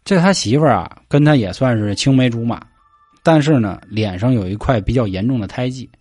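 A man's voice: medium pitch, a little fast, darkish tone, no echo, soft background music. Slangy male storyteller. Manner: chatty, slangy, swears casually. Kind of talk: casual storytelling of a myth.

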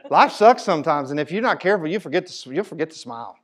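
A man preaching a sermon as pastor, telling stories in a lively, animated way with casual Southern phrasing. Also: fairly high pitch, quick pace. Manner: animated storytelling, Southern speech. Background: congregation responses.

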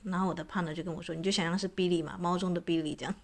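A woman's voice: fairly low pitch, fairly even intonation, rapid-fire. A woman, a voice coach talking casually to her audience, chatty and full of filler particles. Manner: chatty, many filler particles, imitates cat meows. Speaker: voice and astrology coach.

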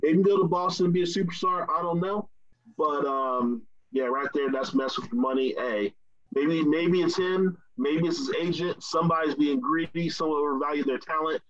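A man's voice: a little high, normal speed, no room sound. A man hosting casual sports talk in an easygoing, chatty way. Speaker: show host. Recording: dull lo-fi recording.

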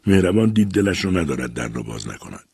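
A man narrating an audiobook story in a measured, calm storytelling manner. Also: deep voice, creaky, slightly rough. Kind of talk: scripted narration.

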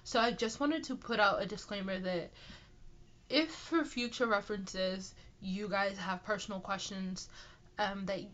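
A woman's voice: mid-range voice, a little slow, a bit bright. A young adult woman with a nasal, stuffed-up voice from being sick, chatting casually and apologetically as she hosts a rambling, self-deprecating solo show. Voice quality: nasal, congested. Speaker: podcast host and aspiring author. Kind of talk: casual solo chat answering listener questions.

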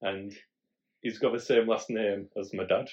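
Low-voiced man telling a hesitant story. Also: steady tone, unhurried, a little mellow. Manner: hesitant, stumbling, laughs while telling a story. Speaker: podcast co-host. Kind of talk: casual chat. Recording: lo-fi muffled podcast audio.

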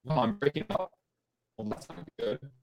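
A man's voice: fairly high pitch, big pitch swings, normal speed, slight background noise. A man hosting a live stream in casual conversation over a video call. His audio keeps breaking up and cutting out, and he rambles and restarts his sentences. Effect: choppy video call audio breaking up.

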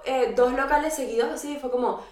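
A woman co-hosting a podcast, telling a story in a casual, chatty way with quick asides. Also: sits high, fairly even intonation, darkish tone. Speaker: podcast co-host. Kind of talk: casual chat. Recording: echoey room.

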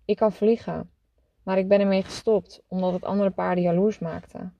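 A woman voicing a gentle, wise old horse in a storybook, speaking softly and reassuringly. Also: medium pitch, steady tone, moderate pace, vocal fry, dry recording, highs cut off, close to an everyday voice.

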